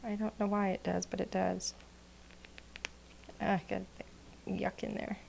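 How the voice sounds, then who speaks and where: A woman leads a relaxed card-making demonstration from her craft room, talking at an ordinary middle pitch. She chats and gushes over her work, sliding into soft murmurs as she concentrates. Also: unhurried, gravelly, a little hiss or hum. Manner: chatty, gushing, often drops to a murmur while working.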